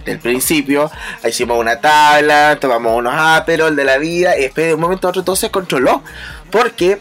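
A young man with a Chilean Spanish accent and a fairly high voice, chatting casually on a podcast. He tells stories with animation, laughs freely, and slips into voices to act things out. Faint music plays underneath. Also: fairly quick. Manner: animated storytelling, mimics voices and laughs often. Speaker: podcast host. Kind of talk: casual chat.

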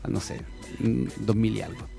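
A man in his thirties with a Chilean Spanish accent, co-hosting a bilingual radio show in casual chat, animated and laughing often. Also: fairly low pitch, normal speed, creaky, soft background music.

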